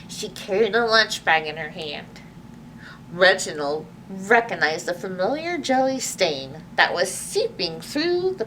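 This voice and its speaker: A woman librarian with a medium-pitched, sharp-toned voice hosts children's story time, reading a picture book expressively and adding little asides for the young listeners. The mic is distant, with faint background noise.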